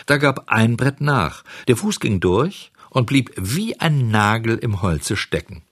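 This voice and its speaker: A man narrating a children's story in an expressive, lively reading style. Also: mid-range voice, takes it slowly, dry recording, studio quality. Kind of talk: audiobook storytelling.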